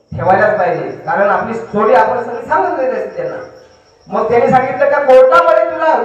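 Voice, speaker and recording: A man from Maharashtra preaching a devotional kirtan sermon, telling a lively story and acting out its characters. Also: very high-pitched. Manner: animated storyteller, acts out characters. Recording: very echoey, distant, dull PA sound.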